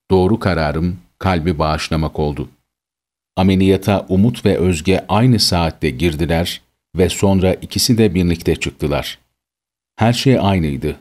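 Male narrator, very low voice, somber story reading. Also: darkish tone. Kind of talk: scripted narration of a sad story.

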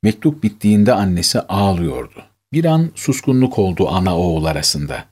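A low, slightly husky male voice narrates a story in a measured, emotive reading. His pitch moves in wide, lively arcs. It sounds like a storybook reading.

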